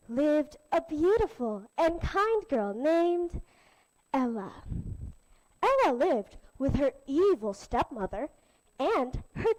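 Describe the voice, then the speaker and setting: A woman's voice: high voice, rough recording. A woman telling a fairy tale to children as a storyteller, in a sing-song manner. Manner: slow, lively, sing-song.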